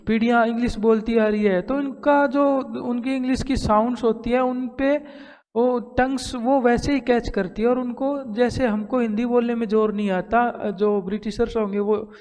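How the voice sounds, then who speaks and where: A man's voice: very high voice, fairly even intonation, normal speed, darkish tone, long reverb tail. A man teaching English grammar and pronunciation, explaining step by step and asking rhetorical questions as he lectures. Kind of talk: classroom lecture. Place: school classroom.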